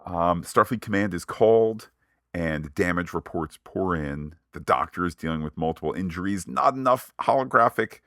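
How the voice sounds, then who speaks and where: A man's voice: low-pitched, animated, moderate pace, fairly bright tone, no room sound, clean studio sound. A man hosting a podcast, recapping an episode with playful, mock-sarcastic asides. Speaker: podcast host.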